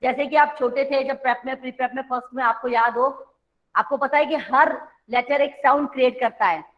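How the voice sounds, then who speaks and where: A woman's voice: sits high, fairly even intonation, a little fast, lo-fi sound. An Indian woman teacher giving an online class, explaining patiently and switching between Hindi and English.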